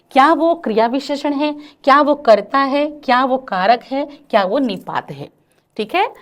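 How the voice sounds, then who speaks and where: Lady teacher doing exam prep grammar, high voice, keeps asking if it's clear, drags out examples. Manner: addresses students as "beta", asks "clear ho gaya?" often; sings or drawls example lines slowly.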